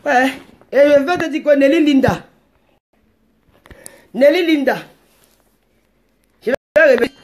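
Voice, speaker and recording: A woman, ranting combatively at commenters on a live stream, rambling and breaking into shouts. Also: high-pitched, takes it slowly, pauses often. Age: 40s.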